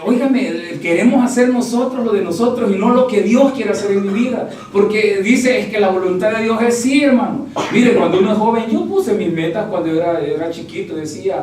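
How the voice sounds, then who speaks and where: A man with a high voice preaches a sermon, calling listeners "brother" and firing rhetorical questions at them. He stands well away from the mic in a booming, echoey church hall. A faint hiss sits under the sound. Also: darkish tone, far from the mic. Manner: addresses listeners as "hermano" constantly, rhetorical questions. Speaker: pastor.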